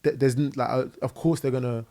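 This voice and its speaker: A young man with a London accent, appearing as a guest musician, chats loosely in a podcast interview, dropping plenty of fillers and "innit." He speaks fairly quickly in a steady, mellow, medium-pitched voice. The setting is a living room podcast set, with a boom mic on an arm.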